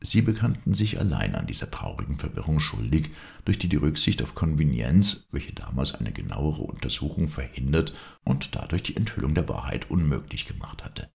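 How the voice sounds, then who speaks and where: A man reading an old ghost story aloud in a measured, expressive narration. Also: a bass voice, creaky. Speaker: audiobook reader.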